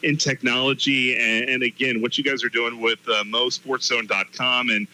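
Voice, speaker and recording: Bright-voiced male sports radio co-commentator. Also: medium pitch, level tone, normal speed, poor audio. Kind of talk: conversational live sports broadcast talk and score updates. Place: stadium press booth.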